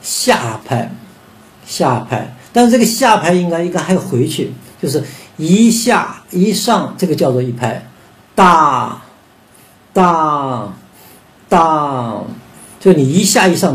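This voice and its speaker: A man's voice: fairly high pitch, expressive, a little fast, a little mellow. An older man teaching a music lesson on rhythm, explaining beats and singing out counting syllables to demonstrate.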